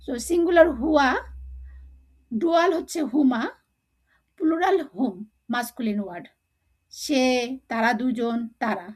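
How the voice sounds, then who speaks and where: A woman with a high voice leads a language lesson. She explains each point plainly and drills short word lists aloud, pausing so learners can repeat after her. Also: a little mellow. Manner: slow drilling recitation, repeating words for learners. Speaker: Arabic teacher.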